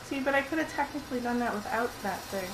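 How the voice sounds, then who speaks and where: A woman's voice: on the high side, animated, fast. A woman hosting a casual let's play, playing the game herself, laughing a lot and groaning at her mistakes. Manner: laughs often, frustrated exclamations while playing. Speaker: let's play host, at the controls. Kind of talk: casual gameplay chat. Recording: roomy echo with loud crowd noise.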